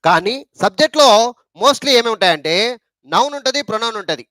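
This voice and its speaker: A man's voice: high voice, expressive, a little fast, bright, forceful tone, no room sound. A man with a Telugu accent teaching an English grammar lesson, repeating points and asking rhetorical questions.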